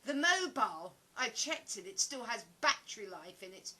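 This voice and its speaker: In an audio play, a woman performs a sharp, suspicious character who interrogates a stranger, accusing and theatrical and quick to take offense. Her pitch is fairly high and her delivery very animated and exaggerated at a moderate pace, with a taunting, probing mood.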